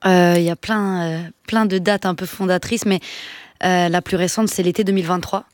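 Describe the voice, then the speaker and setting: A woman singer and actress answering an interview question, lively but halting with fillers. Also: on the low side, dry recording, clean studio sound.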